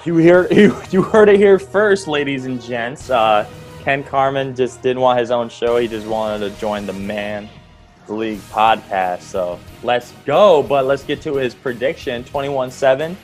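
A young man hosting a casual sports podcast, loose and quick to laugh, taking listener predictions. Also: medium pitch, faint music behind. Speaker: podcast host.

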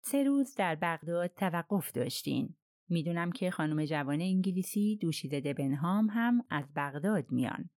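A woman's voice: on the low side, expressive, darkish tone, dry recording, clean studio sound. Woman reading a probing, polite detective. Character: persistent foreign detective questioning witness, man.

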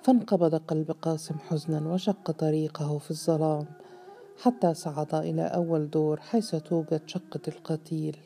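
A woman reads a novel aloud in a steady, measured storytelling manner. Her voice is low and very dark, soft and mellow, with faint music running underneath. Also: vocal fry. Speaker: narrator. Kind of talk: audiobook novel reading.

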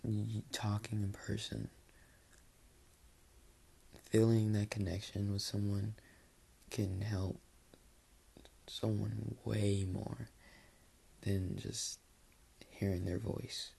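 A sleepy young man talks through a late-night solo podcast from his bed. His low, gravelly voice drags slowly as he rambles with plenty of fillers. A faint hiss sits under the recording. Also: little pitch movement, dark tone. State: sleepy with a dry voice. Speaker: podcast host. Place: bedroom, sitting on his bed.

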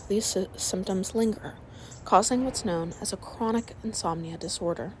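A woman narrating a sleep story, reading aloud in a calm, soothing way. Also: mid-range voice, slight background noise, low-quality recording.

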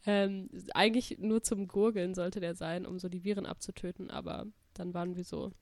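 A woman's voice: on the low side, level tone, moderate pace, darkish tone, no room sound. Young woman with a cold, chatting casually. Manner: rambling, informal, slangy. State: mildly sick with a cold and stuffy nose. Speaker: podcast co-host. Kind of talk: casual chat.

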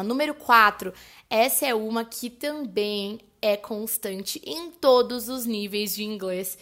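Chatty Brazilian woman teaching, slightly high voice. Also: a bit bright. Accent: Brazilian Portuguese. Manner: chatty, addresses listeners as "gente", frequent "né?" and "tá bom?"; models English words slowly and carefully. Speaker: English teacher and podcast host. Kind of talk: casual explanatory lesson.

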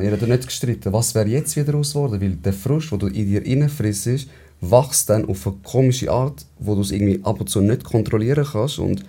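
A man's voice: on the low side, warm tone, breathy edge. A man with a Swiss German accent hosting a podcast, laid-back and reflective in casual talk. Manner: laid-back, reflective, calls his guest "bro". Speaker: podcast host. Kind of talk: casual conversation.

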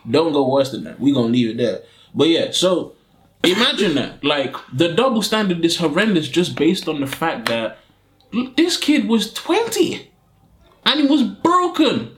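A man's voice: a little high, moderate pace. A man co-hosting a podcast in casual chat, emphatic and slangy, repeating his points and calling his friend "bro.". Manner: animated, emphatic, repeats phrases for effect; slangy, says "bro" often. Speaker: podcast co-host.

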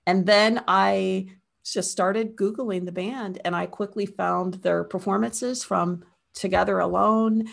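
A middle-aged woman from Northeast Ohio, USA, who teaches media studies at a university, appears as a guest on a casual video call. She chats enthusiastically and rambles with fillers. Her voice is medium-pitched, slow, and creaky, with fairly even intonation.

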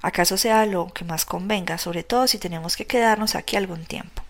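A woman reading the lines of a modest older mother who speaks gently and sounds unsure of herself. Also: lowish voice, brisk, natural voice. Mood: hesitant.

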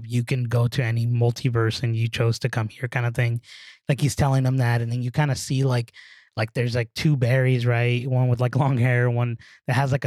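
A man co-hosting a podcast, chatting casually and excitedly with a lot of fillers. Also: medium pitch, dry recording, clean studio sound. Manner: excitable, rambling, many fillers. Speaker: podcast co-host. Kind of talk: casual chat.

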